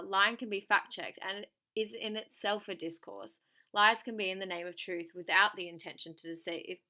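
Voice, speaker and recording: A woman's voice: fairly low pitch, bright, forceful tone. A young woman giving a scripted academic presentation as a student, reading formally from a prepared text.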